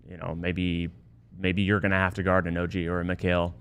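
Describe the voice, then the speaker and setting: Man, very low voice, smooth and resonant, sports podcast co-host, thoughtful, stammers. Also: monotone, fairly quick, fairly bright tone. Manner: thoughtful, stammers and restarts words. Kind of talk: casual sports analysis.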